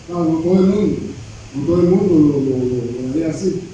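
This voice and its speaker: A man's voice: on the high side, brisk, dark tone, lo-fi sound. A man preaching a sermon, repeating and restarting his words and putting questions to the congregation. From Panama. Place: church sanctuary. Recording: very echoey church from a distant mic, faint noise.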